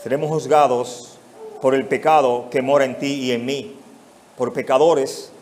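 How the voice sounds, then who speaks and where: A man's voice: mid-range voice, flat delivery, a little slow, darkish tone, a little hiss or hum. A male pastor with a Mexican Spanish accent preaching an expository sermon, putting rhetorical questions straight to his congregation.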